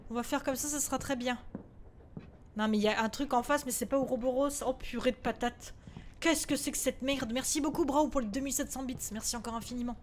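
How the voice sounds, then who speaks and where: A gaming streamer with a high voice talks quickly through live horror gameplay, with a little hiss or hum in the audio. She's jittery, curses often, and scolds the ghosts on screen.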